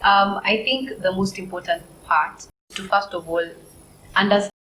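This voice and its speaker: A woman's voice: mid-range voice, fairly even intonation, moderate pace, sharp tone, a little hiss or hum, low-quality recording. A woman with a Kenyan accent speaking on a church family panel, reflective and asking searching questions.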